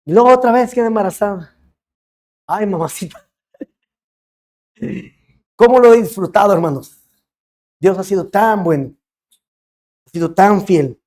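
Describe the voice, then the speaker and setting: A male pastor delivering a sermon, swinging between loud, impassioned exhortation and hushed, intimate storytelling. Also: high voice, moderate pace, pauses often. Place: church.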